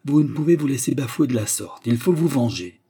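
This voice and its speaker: A man voicing a coarse, scheming middle-aged male estate steward in a gruff, blustering manner. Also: medium pitch, expressive, a little fast, dark tone, voice pushed up.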